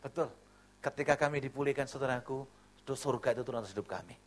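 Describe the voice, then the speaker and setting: A middle-aged pastor from Java, Indonesia, preaches a sermon in a medium-pitched voice at a fast clip. He's a lively, joking storyteller who acts out different voices.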